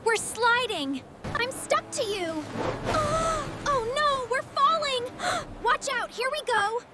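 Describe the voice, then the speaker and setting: Super squeaky winged cartoon critter done by a woman, slow drawn-out yelps, loud noise behind. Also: animated, heavily acted. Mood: excited. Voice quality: squeaky, shrill. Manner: exclaiming, reads sound effects aloud. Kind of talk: cartoon dialogue.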